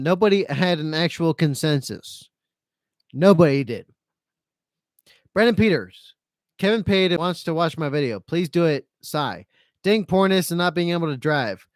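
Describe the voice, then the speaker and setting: Higher-voiced man rambling on a live stream. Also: animated, a little slow, no echo, studio quality. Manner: rambling and repetitive, circling back over phrases; self-pitying, resigned complaining. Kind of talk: casual live-stream chat, reading out viewer comments.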